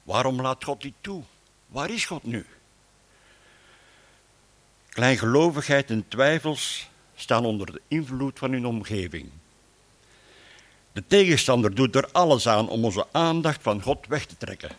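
Man, preacher, sermon and prayer, earnest, measured delivery, mid-pitched voice. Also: lively intonation. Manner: earnest, measured, with frequent restarts. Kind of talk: sermon with prayer and Bible reading.

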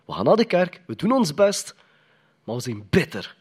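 A man's voice: on the high side, very animated, normal speed, breathy edge. A man preaching a sermon in a conversational, emphatic way, often putting questions to the congregation.

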